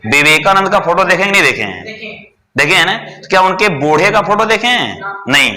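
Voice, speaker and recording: A man's voice: sits high, big pitch swings, brisk, sharp tone. A man teaching an exam-prep lesson, repeating points and asking and answering his own questions. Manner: repetitive, checks with "ठीक है" constantly. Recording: roomy hall reverb.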